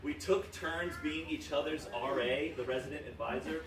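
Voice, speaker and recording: At a wedding reception, a young Romanian man gives a joking best-man toast that rambles and is packed with fillers. His voice is fairly high and moves at a normal speed. The recording is noisy and echoey, with the mic far away.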